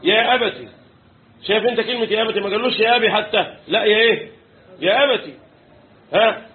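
A man with an Egyptian accent teaching a religious lesson, asking his listeners questions and answering them himself, reciting verses slowly. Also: high-pitched. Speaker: Islamic teacher explaining Quran commentary. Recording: tinny phone-like recording with faint noise.

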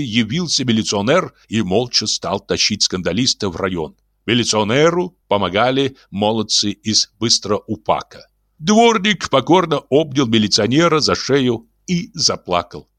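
A man narrating an audiobook with animated, theatrical storytelling. His pitch moves widely, keeping every sentence lively. The recording is dry with no room sound. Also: no room sound.

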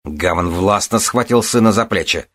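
Male audiobook narrator, deep, husky, steady reading. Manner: even, measured reading.

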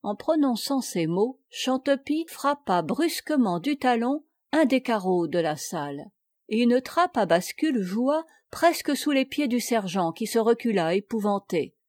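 A woman's voice: a little high, big pitch swings, unhurried, darkish tone, dry recording. Woman reading a French tale, dry sound. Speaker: audiobook reader. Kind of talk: literary narration.

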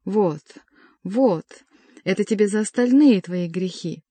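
A woman voicing a sharp-tongued male jester who scolds and mocks as he takes his revenge. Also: mid-range voice, unhurried, slightly rough, no room sound. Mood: mocking. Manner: mocking, scolding.

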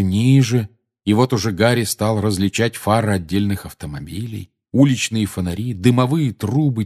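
A man narrating an audiobook in a measured storytelling manner. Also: lowish voice. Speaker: audiobook reader. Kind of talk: scripted narration.

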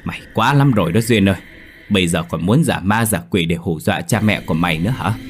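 A man's voice: low voice, fairly quick, soft background music, lightly acted. A man reading a hot-tempered old father. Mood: furious. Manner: angry, scolding.

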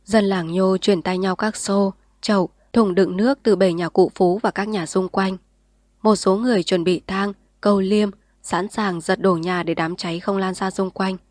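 A woman narrating a novel in a steady, measured reading voice. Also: medium pitch, no room sound, studio quality. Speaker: storyteller.

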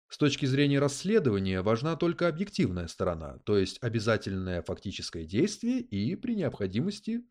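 A man's voice: mid-range voice, darkish tone, lightly acted. A man voicing a prim, coldly logical male detective android who speaks in an oddly mechanical, lecturing way. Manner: precise, lecturing, unflappable.

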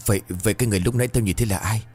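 A man's voice: on the low side, racing, darkish tone, slightly rough, soft background music. A man voicing a bad-tempered older male landlord who snaps and curses at his servant. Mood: scared bluster. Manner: snapping, scolding and cursing.

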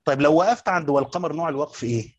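Fast-talking Egyptian man lecturing. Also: a little high, breathy edge, no room sound, highs cut off. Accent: Egyptian Arabic. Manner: rapid, repeats points and quizzes students. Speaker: teacher of Quranic exegesis. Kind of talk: classroom lecture.

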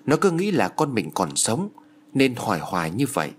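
A man voicing a village woman who guides a visitor and speaks to him in low, confiding tones. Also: wildly swooping pitch, moderate pace, slightly rough. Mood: hushed. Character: guiding village woman, hushed and secretive.

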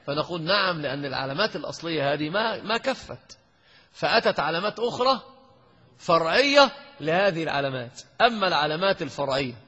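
A man gives a grammar lesson in a lecture hall, his voice bright and a little husky. He keeps quizzing the class and teasing the students. The recording is lo-fi, with a long reverb tail from the hall. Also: fairly high pitch, lively intonation, quick pace. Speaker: sheikh teaching Arabic grammar.

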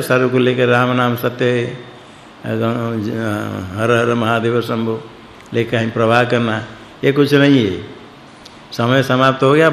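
Vocal fry colors this man's mid-range voice as he goes through scripture word by word with his class, asking them questions along the way. There's hall echo and a faint layer of background noise.

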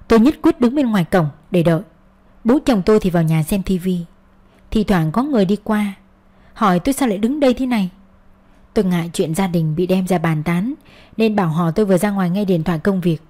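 A woman tells a first-person audio story with a bitter, hurt edge to her voice. Her pitch sits mid-range for a woman, and the delivery is steady storytelling. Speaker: narrator.

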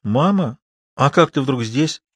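A timid, tearful young woman in an audiobook, pleading and defiant by turns, as a male narrator voices her. Her lines sit somewhat higher than the narration, in a dry close recording. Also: animated, unhurried, a bit bright, husky, no echo.

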